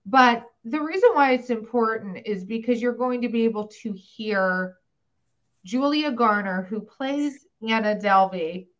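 A woman's voice: fairly high pitch, a little slow. Chatty woman podcast host. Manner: chatty, filler-heavy, animated. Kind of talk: casual chat. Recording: slightly dull podcast audio.

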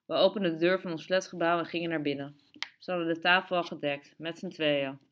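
A woman reading a story aloud in steady, measured narration. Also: deep voice. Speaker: audiobook reader. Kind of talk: scripted narration.

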